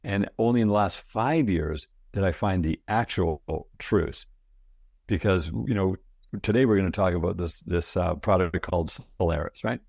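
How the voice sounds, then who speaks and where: A man in his sixties with a low, gravelly voice talks as an interview guest. He tells stories with excitement and often repeats words as he goes, all in a dry, close sound. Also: moderate pace, no room sound. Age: 60s. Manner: enthusiastic, storytelling, repeats words. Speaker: guest, product founder. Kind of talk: casual interview talk.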